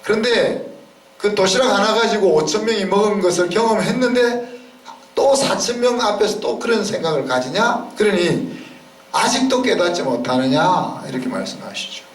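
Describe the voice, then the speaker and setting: Korean pastor preaching in an echoey hall. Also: male voice, high-pitched, animated, moderate pace. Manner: conversational preaching, frequent "그죠?" checks. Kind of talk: sermon. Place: church sanctuary. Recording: roomy church sound from a distance.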